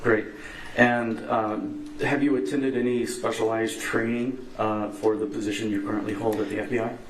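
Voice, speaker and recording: A man's voice: lowish voice, moderate pace, crowd noise. A man working as prosecutor questions a witness in a formal, polite way, heard in a courtroom recording. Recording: roomy courtroom sound with steady noise.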